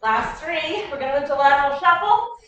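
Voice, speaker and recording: Female workout instructor, high-pitched, energetic and encouraging, clipped commands and countdowns, recorded off-mic in a very echoey room. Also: brisk, highs cut off. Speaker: fitness coach leading a warm-up. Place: echoey indoor room, heard from a distance. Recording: very echoey room, distant mic, faint noise.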